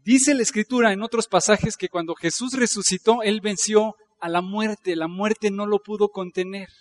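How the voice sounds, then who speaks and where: A man's voice: high voice, moderate pace. A male pastor, preaching in a conversational style with emphatic bursts. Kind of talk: sermon.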